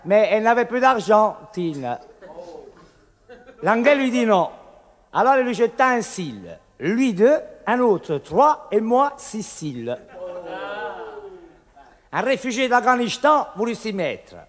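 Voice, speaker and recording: A man's voice: very high voice, big-room sound. A man from Corsica performing a comic monologue full of wordplay, acting out the voices in a bar story. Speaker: comedian.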